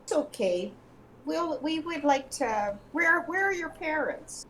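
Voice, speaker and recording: Woman playing a tabletop rpg, casual chatty role play, highish voice, bit of background noise. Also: lively intonation, slow pace, a bit bright. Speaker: tabletop game player.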